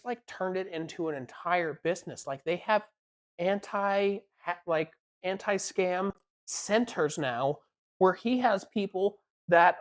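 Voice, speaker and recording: A podcast co-host chatting casually, rambling through long tangents. The voice sits at a middle pitch and jumps into quick put-on voices when quoting people. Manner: rambling, animated storytelling with quoted voices. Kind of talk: casual chat.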